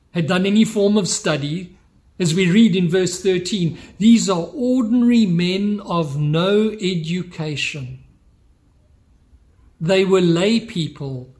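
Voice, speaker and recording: A male preacher delivers a sermon at an unhurried, deliberate pace. His voice sits fairly high for a man. He leans on repeated rhetorical questions to press his point home. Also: darkish tone.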